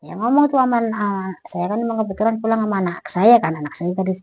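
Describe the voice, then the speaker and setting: A woman's voice: medium pitch, fast, a little mellow, a little hiss or hum, poor audio. A middle-aged woman telling a personal ghost story in casual, chatty speech, acting out the lines of the people in it and filling her talk with small tags. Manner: chatty, acts out quoted dialogue, many fillers like gitu.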